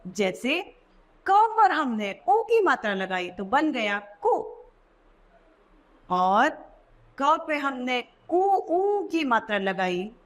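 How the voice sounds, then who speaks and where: Woman teacher for a kids' lesson: high, animated pitch, unhurried delivery. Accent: Hindi. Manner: slow, sounds words out and repeats them. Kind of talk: children's Hindi lesson.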